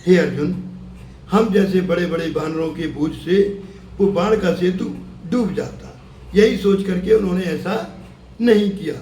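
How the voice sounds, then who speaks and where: A man voicing a proud, calm male monkey god in a devotional tale, speaking in a measured, gently amused way. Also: sits high. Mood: calm, assured. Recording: echoey room, mic far off, faint hum.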